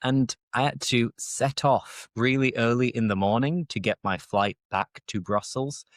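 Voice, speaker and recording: Speaking a little slowly in a steady, mid-range voice, a British man hosts an English-learning podcast. He chats spontaneously and explains phrases in a casual teaching monologue, recorded in clean studio sound without echo.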